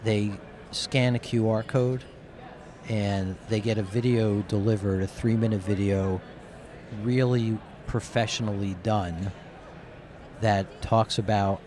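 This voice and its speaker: A middle-aged man from New Jersey with a hoarse, worn-out raspy voice, rambling colloquially as an interview guest. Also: on the low side, steady tone, a little slow, crowd noise. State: hoarse, voice nearly gone. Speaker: interview guest, company executive. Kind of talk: casual interview talk. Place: curtained booth at a convention. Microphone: handheld microphone held close, with headphones. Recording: clear background noise of convention hall.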